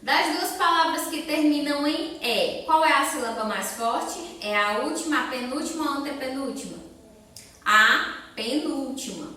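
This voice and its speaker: A woman's voice: sits high, expressive, moderate pace, pushed and bright, very echoey, distant mic. A woman teacher with a Brazilian accent, patiently explaining a lesson to children step by step and asking them questions. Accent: Brazilian Portuguese. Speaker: elementary school teacher. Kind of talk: recorded remote class lesson.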